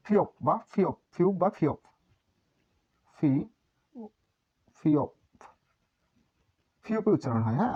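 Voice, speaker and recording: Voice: mid-range voice, mellow, lo-fi sound. Patient teacher drilling sounds. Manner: patient, repeats each sound many times as a drill. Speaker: Korean language teacher. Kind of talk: online language lesson.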